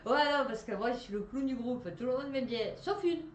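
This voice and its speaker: A woman's voice: high voice, lively intonation, brisk. A woman telling a personal story in a chatty, rambling way, with many fillers. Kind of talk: casual storytelling. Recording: roomy echo, faint background noise.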